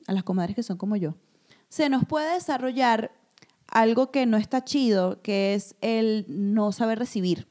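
A woman, co-hosting a casual chat and telling stories with animated energy, who keeps calling her friend comadre. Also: medium pitch. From Venezuela. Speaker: podcast co-host.

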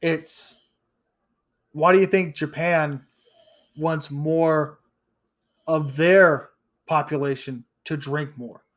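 Guy in his 30s ranting on his podcast, swears a lot, trips over his words, pitch a bit on the high side. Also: steady tone, slow pace, pauses often. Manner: blunt and profane, with frequent restarts. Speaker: podcast host. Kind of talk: ranting solo podcast commentary.

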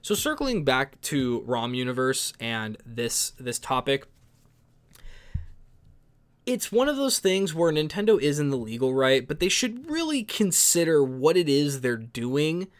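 A man's voice: fairly high pitch, sing-song, measured pace. A man in his early twenties, giving casual spoken commentary in an opinionated, exasperated way that is full of restarts and repeated words. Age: young adult.

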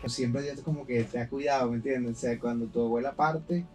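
A man's voice: mid-range voice, fairly quick. Male interview host, music behind. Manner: brief affirming backchannels.

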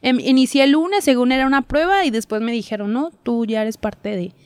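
A woman's voice: high-pitched, brisk, darkish tone, clean tone, no echo. Young woman chatting in an interview, laughs a lot, dry sound. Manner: chatty storyteller, laughs often, acts out quotes. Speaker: guest, TV reporter. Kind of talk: casual interview chat.

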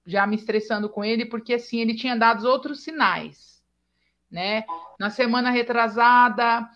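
A woman's voice: on the high side, fairly even intonation, normal speed, soft background music. A Brazilian woman hosting a casual chat who tells stories animatedly and acts out quoted dialogue. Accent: Brazilian Portuguese. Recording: dull lo-fi sound.

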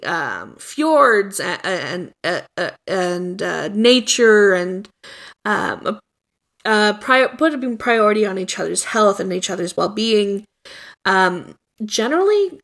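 A woman co-hosting a relaxed conversational podcast. She rambles, trips over her words and fills gaps with ums and uhs. Her pitch sits in an ordinary middle range. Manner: rambling with many fillers and restarts. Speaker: podcast co-host. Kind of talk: casual chat.

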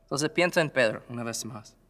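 A man preaching a sermon as pastor, talking directly to his listeners, swinging between fervent pleas and soft, quiet prayer. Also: mid-range voice, brisk. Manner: impassioned, rising to loud pleas then dropping to soft prayer; conversational, direct address to listeners.

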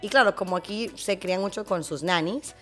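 Interview guest: woman, mid-pitched, lively, switches into English mid-sentence, faint music underneath. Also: brisk. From Honduras. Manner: mixes English words into Spanish; lively storyteller who acts out quotes. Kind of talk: casual interview chat.

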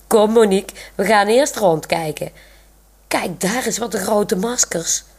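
A woman's voice: mid-range voice, a little slow, darkish tone, husky. Olaf, a woman reading as a proud young man. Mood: cheerful. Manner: proud, grinning. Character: cheerful young man in a wheelchair.

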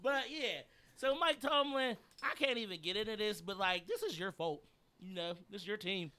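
A man co-hosting a casual radio podcast, talking football in an animated way, laughing often and swearing freely. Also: sits high, normal speed, clean tone. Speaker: podcast co-host. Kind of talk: casual sports chat. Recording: radio show studio.

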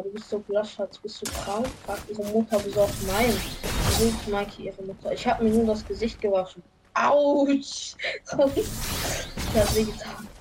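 Woman, mid pitch, casual stream chat, reads jokes aloud, teasing, faint background noise. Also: warm tone, poor audio. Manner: reads jokes from her screen, mocks them as illogical.

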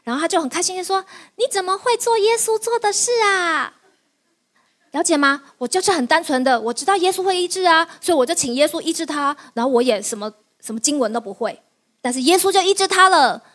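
A woman pastor, preaching a lively sermon, often laughing and firing quick questions at her listeners, then answering them herself. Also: high voice. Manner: laughs often while teaching.

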